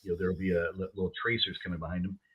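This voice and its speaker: Low-pitched laid-back stoner guy, muffled recording. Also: flat delivery, very fast, husky. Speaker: logo artist and co-host. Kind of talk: casual chat. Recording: dull, lo-fi, muffled sound.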